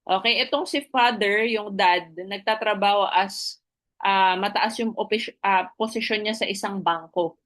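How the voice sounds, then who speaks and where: A woman's voice: mid-range voice, a little slow, a bit bright. Persuasive woman presenter, many tag questions. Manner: keeps checking in with listeners through tag questions; switches freely between two languages mid-sentence. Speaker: network marketing presenter. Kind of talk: motivational recruitment talk with a story.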